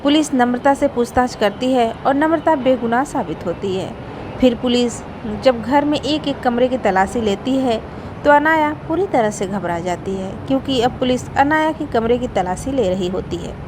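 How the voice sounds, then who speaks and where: A woman telling a family moral story. She reads steadily in a fairly high voice with a calm storybook pace. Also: normal speed, noisy background. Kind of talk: scripted story narration.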